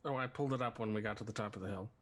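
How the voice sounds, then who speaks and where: A man's voice: fairly low pitch, racing, fairly bright tone. A man talking casually as a player in a tabletop game.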